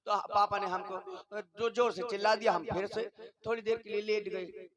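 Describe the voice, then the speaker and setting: A man's voice: sits high, fairly even intonation, normal speed. A man with a Bundeli accent telling a comic story on stage, with a rustic, playful delivery and childish voices he puts on. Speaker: stage comedian. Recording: live stage show with crowd noise.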